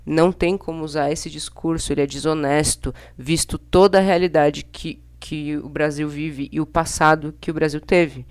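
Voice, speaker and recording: Low-voiced young Brazilian woman vlogger. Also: fairly even intonation, normal speed, hardly any pauses, a little mellow. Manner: blunt, slangy, exasperated. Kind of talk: casual opinionated monologue to camera.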